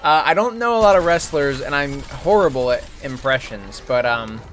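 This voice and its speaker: A man's voice: medium pitch, expressive, normal speed, a bit bright, slight background noise. A man streaming a video game and chatting casually, full of joking, rambling banter. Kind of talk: casual gaming stream chat.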